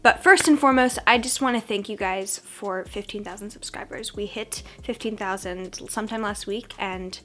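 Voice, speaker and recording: A young woman speaks in the chatty manner of a beauty vlogger, informal and self-deprecating, as though getting ready with friends. A cold-like hoarseness makes her sound froggy and slightly sick. Her mid-range, fairly bright voice moves at a normal speed with hardly any pauses.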